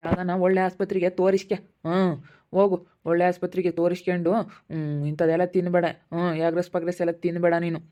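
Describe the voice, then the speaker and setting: A woman playing a sharp-tongued, scolding village neighbour in an amateur skit. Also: on the low side, level tone, fast, close to an everyday voice. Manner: scolding, judgmental. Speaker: neighbour Meena.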